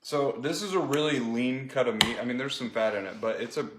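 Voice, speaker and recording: A man co-hosting a home cooking video, relaxed and dryly teasing, explaining things at length. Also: medium pitch, a little fast, roomy sound, background noise. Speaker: co-host, partner of host. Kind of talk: casual cooking vlog chat.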